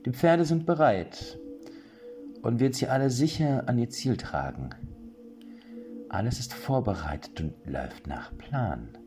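A man's voice: medium pitch, expressive, unhurried, long pauses, over music, voice pushed up, close to an everyday voice. A man voicing a cold, commanding older woman who leads a band of kidnappers in an audiobook story. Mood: cold calm. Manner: icy, curt, impatient.

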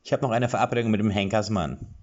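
A man voicing a brash, jovial dwarf police chief who talks loudly and mockingly, on a slightly dull recording. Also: lowish voice, fast, pitched above the performer's own voice, close to an everyday voice. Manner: loud, breezy, mocking.

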